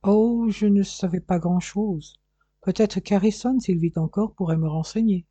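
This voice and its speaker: A man voicing a calm English detective who sighs and speaks with perfect composure, in a dry close recording. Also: sits high, moderate pace, no room sound, voice pushed up. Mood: wistful. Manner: calm, sighing, understated.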